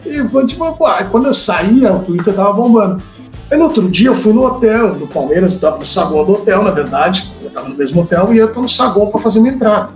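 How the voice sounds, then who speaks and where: A man's voice: sits high, fast, roomy sound, faint music behind. A man, a sports reporter, casually telling an anecdote and acting out the dialogue in it. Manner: animated anecdote-telling, acts out quoted dialogue. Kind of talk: casual storytelling chat.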